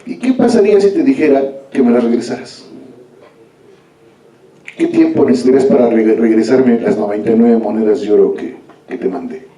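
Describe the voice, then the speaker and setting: A man's voice: mid-range voice, animated, brisk, warm tone, close to an everyday voice. A man voicing an exasperated, angry king in a spoken story, with raised, indignant questions. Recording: echoey hall from far off.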